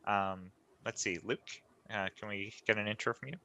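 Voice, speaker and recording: Deep, bright-toned man on a call. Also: steady tone, moderate pace, dull audio. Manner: methodical, detailed, hesitant fillers. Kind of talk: online meeting chat.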